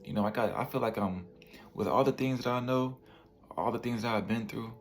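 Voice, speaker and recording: Man in his twenties, gravelly voice, casual motivational vlog, laid-back slang, faint room ambience behind. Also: medium pitch, a little fast, a little hiss or hum. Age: 20s. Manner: laid-back slang, peppers talk with "bro" and "you feel me". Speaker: vlogger.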